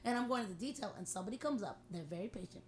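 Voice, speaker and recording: A woman co-hosts a casual podcast, rattling through convention stories at a quick clip. She acts out the people she met as she tells them. A faint hiss sits under her voice. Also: medium pitch. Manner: animated storyteller, acts out quotes. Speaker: podcast co-host, artist.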